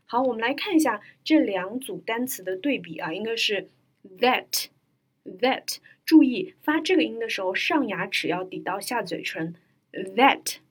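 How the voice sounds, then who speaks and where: A young woman teaching an English pronunciation lesson, modeling each word slowly and carefully. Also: a little high, slightly rough. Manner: slow, careful modeling of words.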